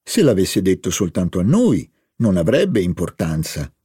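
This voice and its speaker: A man's voice: low voice, huge pitch swings, normal speed, dark tone, slightly rough, no echo, clean studio sound, full character voice. A man reading an audiobook, voicing a scheming older society hostess with a coaxing, theatrical manner. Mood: wheedling.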